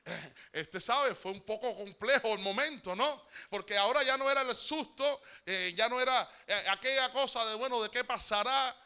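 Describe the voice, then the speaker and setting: A man from Cuba with a Cuban Spanish accent, a guest pastor preaching a sermon. He tells the story in an animated way, repeats words and calls his listeners brother. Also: very high-pitched, moderate pace, smooth.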